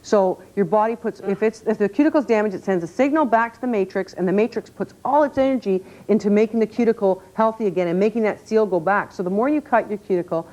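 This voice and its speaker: A woman with a mid-pitched voice gives a home shopping demonstration in spontaneous speech. She explains emphatically and repeats key words, on dull lo-fi TV sound. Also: fast talker, few pauses, dark tone. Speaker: product demonstrator on a shopping show. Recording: dull lo-fi TV audio.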